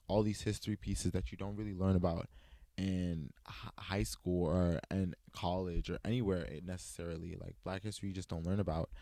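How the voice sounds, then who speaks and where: In a relaxed sit-down conversation, a young vlogger from the United States recounts personal anecdotes with playful energy, putting on a higher voice when he quotes himself. There's no echo on the recording.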